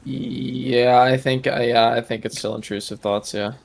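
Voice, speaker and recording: A man's voice: mid-range voice, fairly even intonation, measured pace, vocal fry. A young man guesting on a casual chat, teasing and playful. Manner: teasing, playful, occasional shouted jokes.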